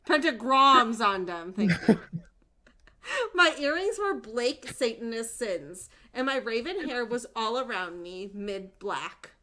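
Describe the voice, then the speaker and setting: A woman's voice: fairly high pitch, very animated, slow pace, bright, forceful tone. A young woman streamer giving a comedic dramatic reading of narration, often breaking into laughter. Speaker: streamer hosting a group reading.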